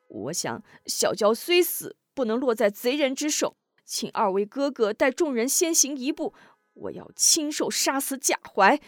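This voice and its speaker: A woman's voice: on the high side, no room sound, clean studio sound, pitched above the performer's own voice. A woman voicing an earnest young swordsman hero. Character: young male hero, earnest sworn brother.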